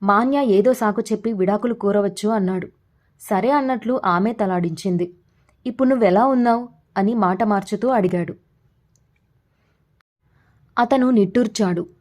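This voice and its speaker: A woman reading a story aloud in an even, measured storytelling manner. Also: medium pitch. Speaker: story narrator. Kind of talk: scripted story narration.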